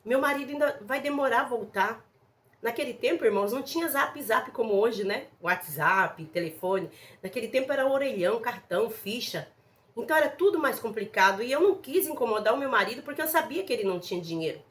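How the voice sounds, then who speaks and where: A middle-aged woman with a high voice tells a personal religious testimony. She is earnest and speaks straight to her listeners, calling them brothers and sisters. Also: lively intonation, fast. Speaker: church member giving testimony.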